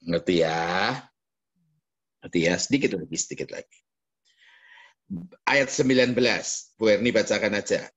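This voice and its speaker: A man with a Javanese accent preaching a lively sermon as pastor, jumping into mock voices and quoted asides. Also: lowish voice, moderate pace, long pauses.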